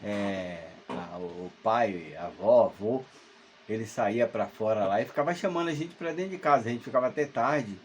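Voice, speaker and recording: A man's voice: lowish voice, moderate pace, slight background noise. A man, telling a spooky childhood story at home in a rambling, hesitant way full of fillers and restarts. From Salvador, Brazil. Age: 50s. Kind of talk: casual spoken ghost story. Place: at home alone.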